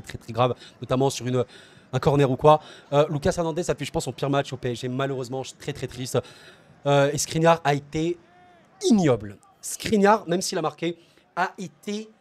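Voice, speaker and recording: A man's voice: medium pitch, a little mellow. A man hosting a solo football debrief, talking passionately and directly to his viewers, often repeating words and restarting phrases as he thinks aloud. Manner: passionate, talks straight to viewers as friends. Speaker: football channel host.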